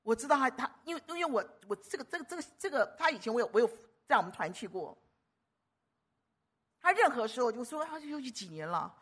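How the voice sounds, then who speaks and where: A woman preacher delivering a sermon, emphatic and animated, often stumbling and repeating words. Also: a little high, fast talker, slightly rough.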